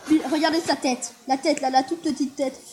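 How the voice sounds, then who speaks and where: Excitable, high-pitched woman gamer rambling casually, on a noisy home recording. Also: brisk. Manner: chatty, excitable, rambling with fillers. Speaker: gaming vlogger. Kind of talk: casual screen-recorded commentary.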